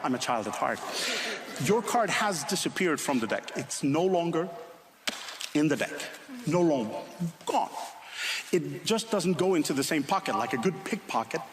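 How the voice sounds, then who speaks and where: A man from Finland with a Finnish accent, performing stage magic patter with playful, chatty remarks to two volunteers. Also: fairly high pitch. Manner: playful, gesturing while talking. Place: TV studio stage with live audience. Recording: roomy studio with loud crowd and noise.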